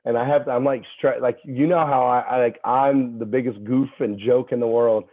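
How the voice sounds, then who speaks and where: A young man, a fitness trainer appearing as a podcast guest, telling stories in an animated way, full of fillers and restarts. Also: medium pitch, moderate pace. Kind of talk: casual chat. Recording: tinny phone-like call audio.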